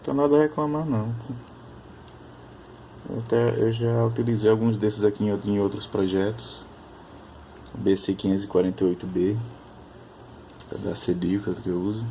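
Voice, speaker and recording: A man chatting casually at his workbench, explaining technical details while thinking aloud, often pausing and restarting. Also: on the low side, fairly even intonation, warm tone, slight background noise. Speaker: electronics hobbyist.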